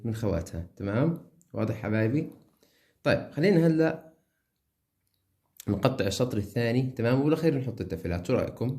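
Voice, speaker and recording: A man's voice: mid-range voice, dark tone. A man with a Levantine Arabic accent teaching a lesson, chanting syllables one by one and constantly checking that his students follow. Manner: keeps checking understanding with quick questions.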